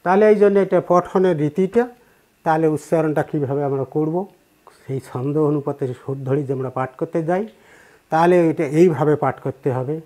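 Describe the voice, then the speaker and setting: Bangladeshi male teacher, higher pitch, slow counting, chants verses in class. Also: dark tone. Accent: Bangladeshi Bengali. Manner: counts syllables slowly, chants verse lines. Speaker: Gita recitation teacher. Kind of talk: teaching Sanskrit verse pronunciation. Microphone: online class recording.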